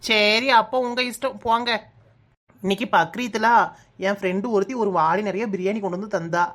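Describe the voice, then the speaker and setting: A woman's voice: mid-range voice, steady tone, moderate pace, fairly bright tone, lightly acted. A woman with a Kanyakumari Tamil accent voicing a scheming young village woman in a cartoon, wheedling and pleading. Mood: coaxing. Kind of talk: cartoon voice acting.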